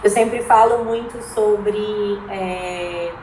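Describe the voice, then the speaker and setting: A woman's voice: mid-range voice, extremely slow, a little mellow. A woman with a Brazilian Portuguese accent, speaking as an interview guest in a casual, conversational storytelling way. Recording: echoey room with faint background noise.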